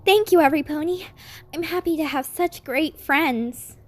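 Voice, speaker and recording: A woman's voice: a little high, a little slow, darkish tone. A woman voicing a cheerful, eerily friendly young female unicorn scientist in a story, chirpy and proud. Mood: grateful.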